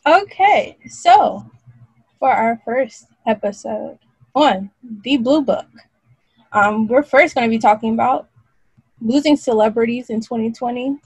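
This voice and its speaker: Young woman, podcast co-host, high voice, asks questions to move the talk along. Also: a little slow, breathy edge, dry recording, poor audio. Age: 20s. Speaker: podcast co-host leading the topics. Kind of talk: casual podcast chat.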